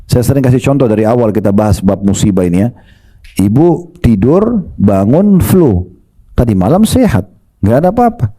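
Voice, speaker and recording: Male preacher, very warm mellow voice, lively storytelling sermon to the congregation. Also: medium pitch. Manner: lively, retells stories and addresses the congregation.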